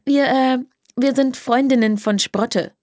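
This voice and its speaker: A lively, talkative young girl from a children's storybook, eager and bold, voiced by a woman reader. Her voice sits high and bright. The recording is dry and close. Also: takes it slowly, no room sound. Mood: nervous politeness.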